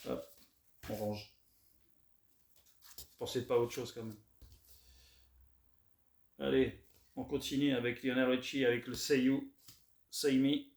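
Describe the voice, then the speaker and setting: A man chatting casually as he shows off his record finds, relaxed and hesitant with many fillers. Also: medium pitch, slow pace, pauses often. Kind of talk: casual unboxing chat. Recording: roomy echo, faint noise.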